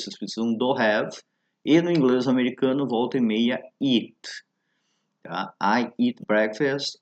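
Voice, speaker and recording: A man's voice: medium pitch, darkish tone. A man teaching a recorded English lesson, explaining step by step and often checking in with his students. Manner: reads English examples slowly and clearly. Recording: dull lo-fi recording.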